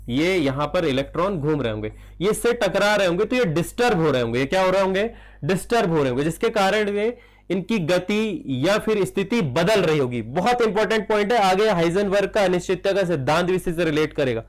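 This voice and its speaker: A man with a Hindi accent gives a chemistry lesson in a high, ringing voice. He keeps putting questions to the class and answering them himself, and calls his students "child". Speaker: chemistry teacher. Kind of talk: classroom lecture.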